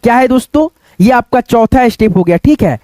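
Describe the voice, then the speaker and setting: Very high-voiced man teaching Hindi letters. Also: animated, mellow, no room sound. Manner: slow, drawn-out syllable-by-syllable sounding out, repeating each word; keeps addressing viewers as friends, checking with tag questions. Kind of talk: online Hindi lesson for beginners.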